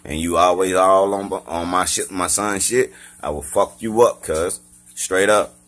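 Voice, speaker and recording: Low-voiced Southern man streaming live. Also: steady tone, a little slow, a bit bright. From Mississippi, US. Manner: profane, rambling, keeps saying "you feel me". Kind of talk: rambling live video chat.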